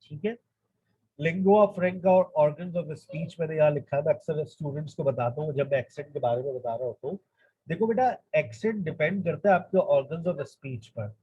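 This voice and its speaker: A man teaches an online English lesson, mixing English and Urdu as he explains. His voice sits somewhat high and a little husky, with an unhurried delivery. The recording is dull and lo-fi. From Pakistan.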